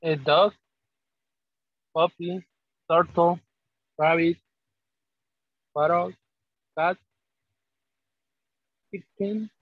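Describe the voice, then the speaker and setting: A man's voice: on the high side, steady tone, drawn-out words, long pauses, no echo. Man student over thin phone-like audio. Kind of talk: reciting vocabulary in class. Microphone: video call.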